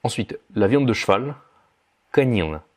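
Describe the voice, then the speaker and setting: Slow, deliberate French man teaching vocabulary. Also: fairly low pitch, animated. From France. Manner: repeats each word slowly, stressing syllables. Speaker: language teacher.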